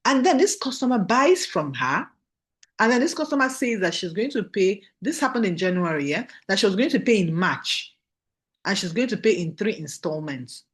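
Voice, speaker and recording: Nigerian woman trainer, very animated delivery, emphatic, repeats points for the room. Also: medium pitch, normal speed. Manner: emphatic, repeats key phrases, asks listeners for agreement. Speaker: business trainer. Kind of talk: motivational training talk.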